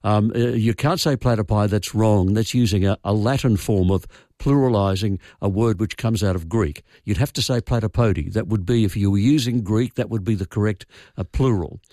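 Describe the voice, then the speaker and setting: An older Australian man, a language expert guest on a radio phone-in, explains word origins with wry, opinionated flair. His voice sits on the low side, mellow and moderately paced. A studio microphone captures him with dry, echo-free sound.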